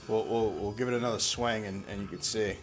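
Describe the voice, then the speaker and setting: A man's voice: lowish voice, fairly even intonation, a little fast, over music. A man with a New York accent hosting a casual, joking chat about pinball machines. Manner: joking, laughs often. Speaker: pinball channel host.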